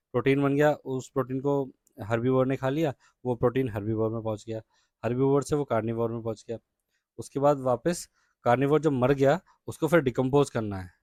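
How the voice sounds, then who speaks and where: Teaching children a science lesson, a man with an Indian accent reads English lines slowly and then explains them in Hindi, often checking in with "ठीक है?". His voice is medium in pitch and a little mellow, with no echo.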